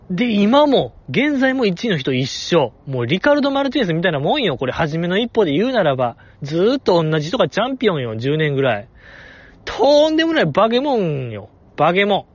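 A man with a Kansai accent, hosting a casual chat and reading listener messages, talking in excitable, exaggerated bursts. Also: sits high, no room sound, highs cut off.

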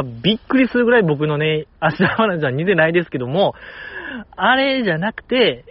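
A man's voice: a little high, no echo, highs cut off. A man with a Kansai accent hosting a solo fan podcast, chatting enthusiastically and poking fun at himself. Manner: enthusiastic, chatty, self-mocking. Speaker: podcast host.

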